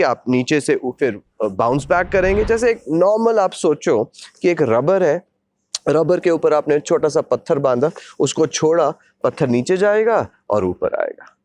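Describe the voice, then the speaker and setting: A man vlogging a personal story in an animated, dramatic way, acting out sounds and mixing English phrases into his Hindi. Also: mid-range voice, dry recording.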